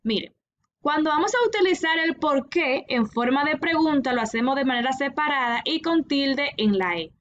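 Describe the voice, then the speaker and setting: A woman teacher explaining a lesson to children in a recorded class, patient and repeating each instruction clearly. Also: high-pitched, expressive, moderate pace, fairly bright tone, muffled recording. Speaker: primary school teacher.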